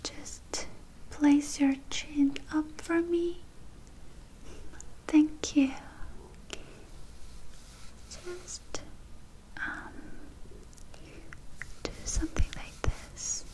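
A woman doing a whispered role-play as a dental hygienist, speaking in a gentle, reassuring, soothing manner to a patient. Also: high-pitched, steady tone, extremely slow, long pauses, poor audio.

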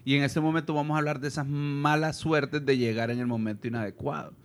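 A man's voice: medium pitch, fairly even intonation, fast talker. A man with a Honduran accent hosting a casual group chat, joking and leading the questions. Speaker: podcast host.

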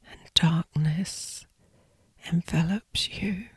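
A woman narrating a scripted sleep story as a guided meditation, in a breathy, hushed, soothing whisper. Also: fairly low pitch, drawn-out words, no room sound.

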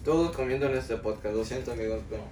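A man's voice: mid-range voice, darkish tone. A young man co-hosting a casual podcast chat, laughing often and slipping into English. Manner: laughing, drawn-out, slips into English. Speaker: podcast co-host. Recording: roomy, distant mic with faint noise.

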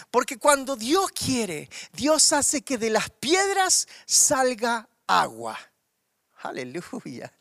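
A man preaching a fervent sermon with a Rioplatense accent, swinging from loud bursts to hushed words. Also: high-pitched, no echo, studio quality. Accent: Rioplatense Spanish. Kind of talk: online Easter sermon.

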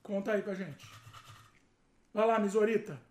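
A woman's voice: medium pitch, measured pace, a little mellow, a little hiss or hum. A woman with a Brazilian Portuguese accent, hosting a casual family chat and playfully coaxing a child to answer questions. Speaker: host questioning a child on a live stream. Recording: roomy echo.

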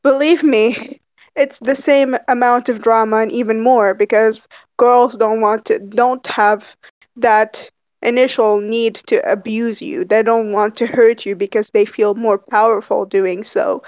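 A young woman from Algeria, talking frankly and pausing to find words in a casual discussion. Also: on the high side, fairly even intonation, a little mellow, no room sound. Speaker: discussion participant. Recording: dry, muffled lo-fi call audio.

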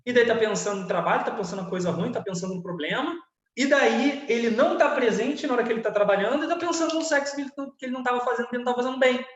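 A man with a Brazilian Portuguese accent and a rather high voice talks through a self-esteem lesson off the cuff, speaking directly to his viewers. His earnest explanations come through a live-stream setup and bounce around an echoey room. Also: rapid-fire. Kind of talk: unscripted live-stream lecture. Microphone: computer setup, live stream.

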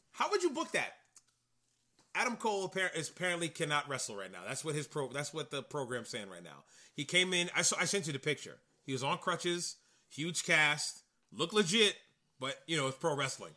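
A man co-hosting a casual wrestling podcast, acting out matches and promos with sudden loud bursts. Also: medium pitch. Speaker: podcast co-host.

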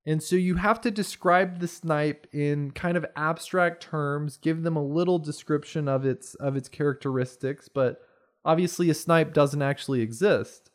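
Young guy rambling thru a story, kinda high voice, casual podcast chat. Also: normal speed.

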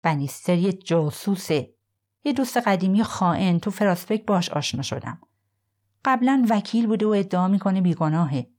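A woman's voice: medium pitch, animated, a little mellow, pitched above the performer's own voice, natural voice. A woman voicing a defiant male suspect under interrogation in an audiobook, sneering and bargaining. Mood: taunting. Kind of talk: audiobook character voice.

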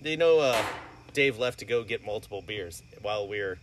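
A man with a lowish voice co-hosting a relaxed podcast outdoors by a pool, teasing his friends with dry, wry jokes. He sits a bit away from the mic, with faint outdoor noise around him. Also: normal speed, distant mic. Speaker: podcast co-host. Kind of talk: casual chat among friends.

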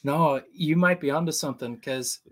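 Easygoing male podcast host, higher voice. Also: moderate pace. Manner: easygoing, hedging. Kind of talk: casual podcast chat.

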